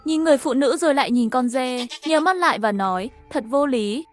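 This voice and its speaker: A woman telling a horror story in a steady, even storytelling voice, as the channel's narrator and dubber. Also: sits high, fast, faint music behind.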